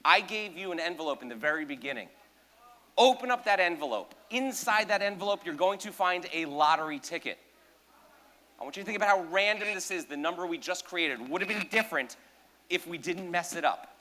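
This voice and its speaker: A man's voice: high voice, lively intonation, fairly quick, sharp tone. Upbeat man doing stage patter. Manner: joking, self-deprecating, talks to audience. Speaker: magician performing at a gala. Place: large ballroom.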